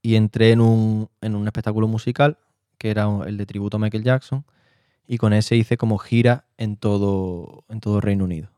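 A man's voice: lowish voice, little pitch movement, brisk, warm tone, clear, resonant tone, dry recording, clean studio sound. A man from Spain, an actor and director, telling his story in a casual interview. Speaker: interview guest. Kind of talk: casual chat.

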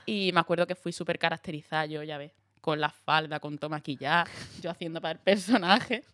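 A young woman with an Andalusian accent, a guest actress chatting casually and telling lively stories, acting out quoted dialogue and laughing often. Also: deep voice, fairly quick, dry recording, clean studio sound. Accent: Andalusian Spanish. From Andalusia, Spain. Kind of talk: casual chat.

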